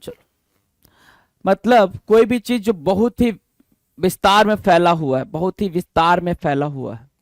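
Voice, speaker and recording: A man's voice: high-pitched, no echo, studio quality. A man teaching a vocabulary lesson for exam prep, quizzing students and spelling words out letter by letter. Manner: reads English definitions slowly.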